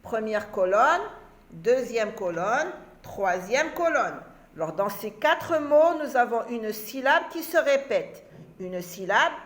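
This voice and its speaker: Slow, echoey woman teacher sounding out syllables. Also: a little high. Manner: slow, syllable-by-syllable, repeats words for children. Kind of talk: primary reading lesson. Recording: echoey room.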